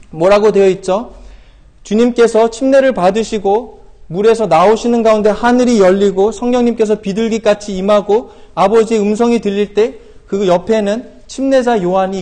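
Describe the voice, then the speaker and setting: A middle-aged male missionary preaching from a church pulpit, his voice pitched notably high for a man. He exhorts his listeners earnestly, throwing in rhetorical questions and many hesitant fillers. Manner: shouts quoted scripture loudly and slowly. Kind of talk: sermon. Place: church sanctuary.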